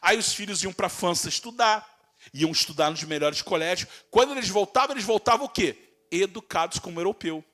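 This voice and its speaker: A male pastor preaching a sermon. He keeps asking the congregation rhetorical questions, acts out quoted insults, and stretches words as his loudness rises and falls. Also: high voice, fairly quick.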